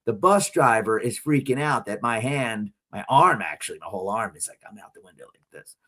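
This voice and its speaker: A man's voice: lowish voice, a little fast. A middle-aged man co-hosting a podcast, telling a story in casual chat and acting out the quotes with energy. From Philadelphia area, United States. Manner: animated storyteller, acts out quotes. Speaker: podcast co-host.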